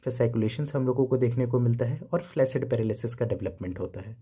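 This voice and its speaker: A man's voice: mid-range voice, fast, warm tone, slightly rough. A young man teaching physiology in a recorded video lecture, explaining step by step and repeating key terms.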